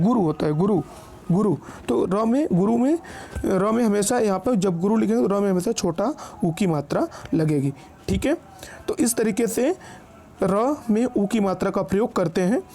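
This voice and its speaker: A man teaching a lesson, patiently explaining spelling rules, drawing out example words slowly and checking in often with his listeners. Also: sits high, mellow, slight background noise.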